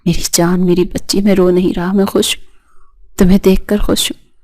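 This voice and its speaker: A woman reading a remorseful husband and father in a storybook drama. He pleads in a choked voice. The reading is mellow and flat. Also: on the low side, lightly acted. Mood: tender vow.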